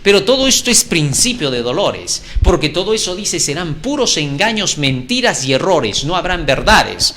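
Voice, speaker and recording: A man's voice: on the high side, sing-song, normal speed, few pauses, a bit bright, a little hiss or hum. A man preaching a sermon, reading scripture dramatically and asking rhetorical questions.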